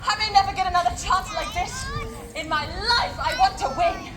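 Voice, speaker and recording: Proud, yearning thief queen, very high voice, olde Renaissance faire speech projected live outdoors, distant over loud crowd. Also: moderate pace. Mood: fervent. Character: proud yearning Queen of Thieves, outlaw leader. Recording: echoey outdoor arena, distant mic, noisy crowd.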